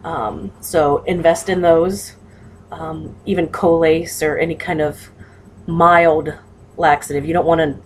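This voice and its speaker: Low-voiced woman vlogging, noisy recording. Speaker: patient sharing surgery recovery advice. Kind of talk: casual personal vlog talk.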